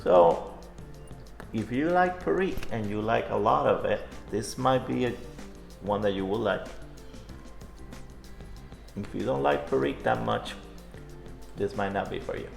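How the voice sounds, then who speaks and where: Casting: male reviewer, low-pitched with vocal fry, casual co-host chat, echoey room with music behind. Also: expressive, a little slow, pauses often. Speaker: co-host of a pipe tobacco review.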